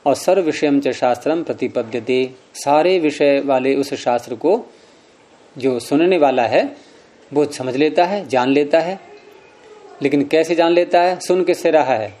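Guy teaching a class, reads out sanskrit lines and keeps asking the students stuff, kinda higher voice but soft and mellow. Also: a little slow. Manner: questions the class often, repeats key words, Sanskrit recitation. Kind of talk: classroom lecture explaining sutras.

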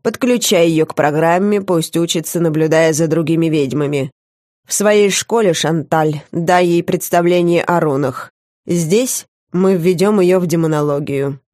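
A woman voicing a sly, scheming middle-aged male academy director in an audiobook, speaking in a smug, drawn-out, biting way. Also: deep voice, darkish tone, no room sound, clean studio sound. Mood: commanding. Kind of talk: audiobook character voice.

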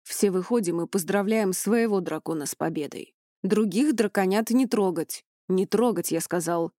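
A woman's voice: fairly low pitch, normal speed, creaky, dark tone, no room sound. A woman narrator voicing a confident young man with dragon blood, speaking bluntly and firmly, recorded dry and close. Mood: firm, brisk. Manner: blunt, commanding.

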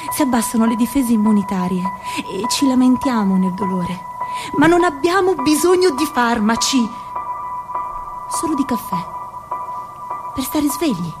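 A woman gives theatrical narration for a radio piece, her pitch and loudness swinging expressively.

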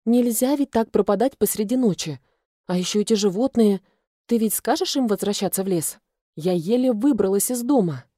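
A woman voicing a fussy young air witch in an audiobook, scolding in a raised, higher voice. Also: expressive, moderate pace, warm tone, no room sound, clean studio sound, lightly acted.

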